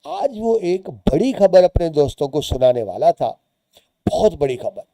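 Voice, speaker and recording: A man's voice: on the high side, very animated, a little slow, gravelly, warm tone, no echo. A man, teaching students by reading a short story aloud and explaining its words and lines as he goes.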